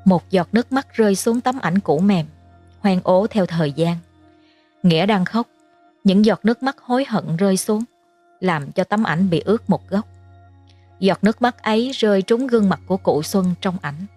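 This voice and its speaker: A woman narrating a horror story in a measured storytelling manner. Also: mid-range voice, expressive, dark tone, no echo. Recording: faint music underneath.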